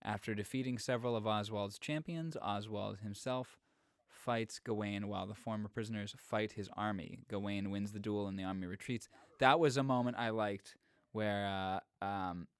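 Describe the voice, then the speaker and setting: A man's voice: on the low side, normal speed, clear, resonant tone, no room sound, studio quality. A man co-hosting a podcast, casually retelling a film's plot, chatty and laughing, with lots of filler words. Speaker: podcast co-host.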